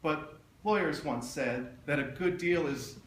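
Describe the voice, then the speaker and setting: A man giving a funeral eulogy as a public speech, in a tender, measured, halting way with pauses. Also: on the high side. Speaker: eulogist speaking at his mother's funeral. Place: echoey room, speaking to a gathering. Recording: roomy echo, distant mic, faint noise.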